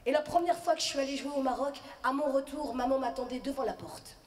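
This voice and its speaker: Woman, stand-up comedian, high voice, lively storytelling. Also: quick pace, reverberant.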